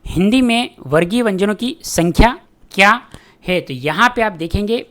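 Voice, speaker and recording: A man's voice: high-pitched, expressive, moderate pace, a bit bright. Man teaching an exam prep lesson. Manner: addresses viewers as friends, reads out questions and answers.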